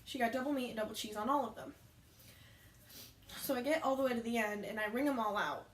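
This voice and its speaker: A woman's voice: fairly high pitch, quick pace. A young woman casually telling rambling stories about her work, often correcting herself as she goes. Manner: rambling, chatty, self-correcting. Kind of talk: casual storytime chat. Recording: echoey room.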